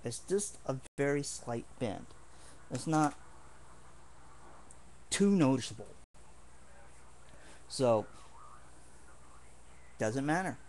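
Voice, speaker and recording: A man's voice: medium pitch, expressive, very slow, long pauses, darkish tone, slight background noise. A man casually showing his swords in a home video, talking in an earnest, rambling way with many restarts. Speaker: martial arts hobbyist showing swords.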